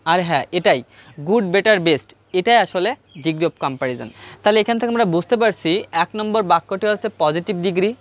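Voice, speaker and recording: A man's voice: sits high, moderate pace. A man with a Bangladeshi Bengali accent teaching an English grammar lesson step by step, asking questions and answering them himself. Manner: repeats key points for emphasis. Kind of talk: classroom grammar lesson at a board.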